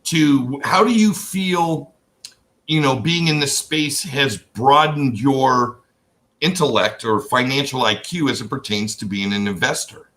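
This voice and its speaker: A man's voice: medium pitch, unhurried, fairly bright tone. An older man hosting an interview show, talking in an enthusiastic, rambling way with frequent restarts. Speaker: host. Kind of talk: casual interview chat.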